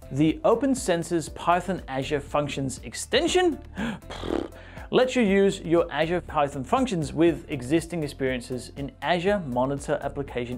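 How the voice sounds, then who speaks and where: With music in the background, an animated man delivers scripted tech news to camera from a small indoor studio. His fairly high-pitched voice is playfully wry, picked up by a lapel mic.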